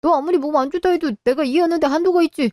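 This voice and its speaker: A woman's voice: high-pitched, very fast, dark tone, no room sound, clean studio sound, pitched above the performer's own voice, close to an everyday voice. A woman voicing a cheating husband who makes excuses and begs, in a radio drama. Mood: defensive. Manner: wheedling, excuses. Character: cheating husband, evasive and pleading.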